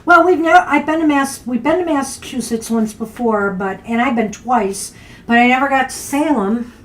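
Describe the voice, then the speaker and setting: A woman co-hosting a tarot live stream in a somewhat high voice. She is chatty, encouraging and upbeat as she reads for viewers. A faint hiss of noise runs beneath her. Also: moderate pace. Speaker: tarot reader, co-host.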